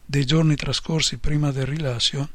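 A man calmly reading a first-person memoir aloud in a measured, even way. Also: mid-range voice, no echo. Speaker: narrator.

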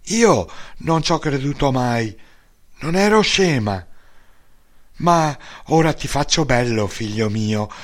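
A man putting on a fussing old mother, tender, higher voice, slow. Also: animated. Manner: raised pitch, doting and insistent.

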